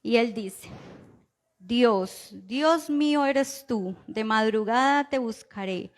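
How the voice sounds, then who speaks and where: A woman with a Colombian accent preaching a sermon in a conversational way, often checking in with the listeners through quick rhetorical questions. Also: on the high side. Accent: Colombian Spanish. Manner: conversational preaching, frequent rhetorical "¿cierto?" tags.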